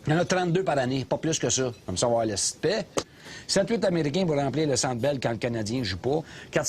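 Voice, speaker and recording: An actor with a Québécois accent playing a loud, opinionated middle-aged taxi driver who rants and mocks sarcastically, in a comedy sketch filmed inside a cab. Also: male voice, medium pitch, slight background noise, natural voice. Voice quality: sarcastic ranting, mocking.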